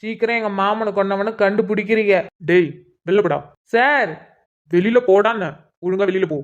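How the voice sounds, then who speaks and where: A woman voicing a hot-headed young man in a cartoon, who shouts accusations at the police. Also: medium pitch, moderate pace, highs cut off, close to an everyday voice. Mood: angry.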